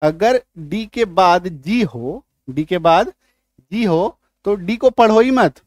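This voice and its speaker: A man giving an English pronunciation lesson in a fairly high voice. He spells words out slowly letter by letter and keeps asking his class questions. The recording is dry and close, with no room sound. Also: expressive, darkish tone, no echo. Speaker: English teacher.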